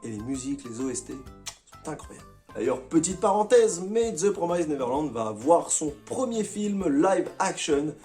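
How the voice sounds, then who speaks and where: A man's voice: on the high side, sing-song, moderate pace, mellow, soft background music. A man talking casually and enthusiastically to his viewers as he reviews his monthly manga picks, with slangy, chatty phrasing.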